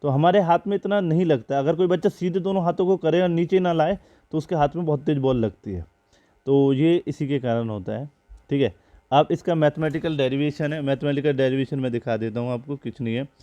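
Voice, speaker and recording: A man's voice: fairly high pitch, fairly quick, mellow, dull audio. A male teacher giving a physics lecture in a conversational classroom style, asking questions and answering them himself. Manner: explains step by step, asks and answers his own questions.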